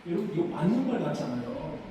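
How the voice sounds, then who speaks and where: A man's voice: on the high side, very animated, fast, dark tone, distant mic. A male pastor preaching a sermon, quoting scripture and acting out an accuser's harsh words. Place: church sanctuary. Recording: echoey church hall, mic from afar, faint noise.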